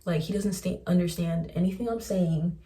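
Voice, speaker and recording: A woman's voice: lowish voice, moderate pace, dark tone, recorded from a distance. A young woman telling a storytime in a chatty way, filling her talk with "like". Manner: chatty, fills with "like", recounts texts. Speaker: vlogger. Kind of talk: casual storytime vlog.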